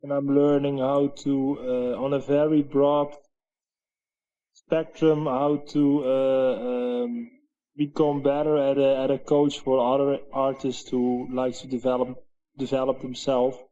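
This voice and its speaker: A man's voice: mid-range voice, level tone, measured pace, mellow, dull audio. A Dutch-speaking man talking in English with a Dutch accent on a casual video call, hesitant and full of fillers. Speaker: music coach in training. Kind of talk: casual chat.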